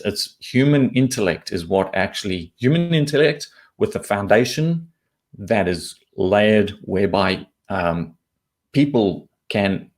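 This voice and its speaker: Speaking with a fairly low pitch and a darkish tone, a southern African man shares his opinions as a guest in an interview. He's an investment commentator, and his delivery is blunt, informal and peppered with casual swearing.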